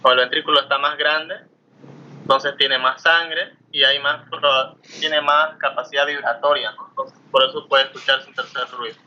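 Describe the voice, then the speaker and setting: A man's voice: mid-range voice, fairly even intonation, normal speed, bright, forceful tone. A man lecturing a class, explaining step by step and often asking his students questions. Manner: explanatory, asks students questions, frequent tag "¿no?". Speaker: teacher. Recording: muffled lo-fi mic with faint noise.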